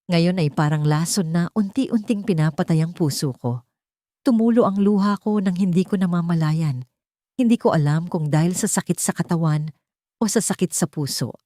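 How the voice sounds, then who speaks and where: Low-voiced woman narrating a sad story. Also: dark tone, no echo, studio quality. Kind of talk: first-person dramatic story narration.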